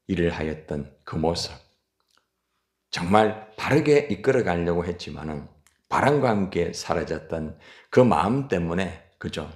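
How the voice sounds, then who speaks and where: A man's voice: low-pitched, roomy sound. A man preaching as a pastor at an early-morning church service, emphatic and often putting questions to the congregation. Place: church sanctuary.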